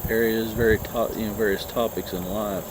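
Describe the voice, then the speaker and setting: A man chatting casually and haltingly through a cigar review, rambling from one thought to the next. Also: steady tone. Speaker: cigar review vlog host. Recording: noisy low-quality mic, outdoor insects and traffic.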